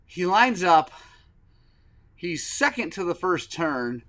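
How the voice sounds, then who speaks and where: A middle-aged man hosting a podcast in casual chat, an excitable storyteller who swings from loud enthusiasm to soft, choked-up moments. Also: high voice, slow. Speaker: podcast host.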